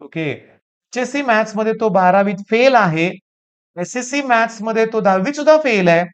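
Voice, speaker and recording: A man's voice: sits high, expressive, normal speed, clear, resonant tone. A male teacher from Maharashtra with a Marathi accent, talking emphatically to camera and repeating catchphrases to his students.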